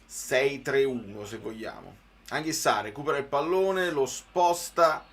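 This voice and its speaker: A man's voice: medium pitch, animated, unhurried, a bit bright, husky. A man giving live football commentary mixed with informal, conversational chat to viewers.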